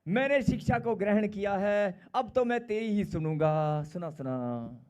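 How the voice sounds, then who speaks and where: A middle-aged man preaching a sermon, emphatic and repetitive, swinging between loud calls and quiet asides. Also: sits high, measured pace.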